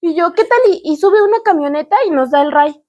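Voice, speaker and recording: Young Mexican woman, high voice, lively anecdotal co-host who acts out dialogue. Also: brisk, dull audio. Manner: animated storyteller, acts out quoted dialogue in a high voice, laughs often. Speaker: podcast co-host. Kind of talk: casual chat.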